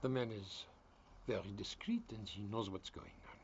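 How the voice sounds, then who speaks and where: An actor playing a calculating politician who talks in a smooth, dismissive, controlling way. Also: male voice, fairly low pitch, normal speed, lightly acted. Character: calculating middle-aged male politician, cold and controlling. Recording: dull lo-fi dubbed film audio with faint hiss.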